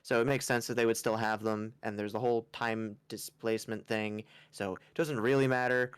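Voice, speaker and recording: A man's voice: on the low side, steady tone, normal speed, smooth. Rambling, self-mocking gaming streamer guy. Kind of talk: casual chat over gameplay.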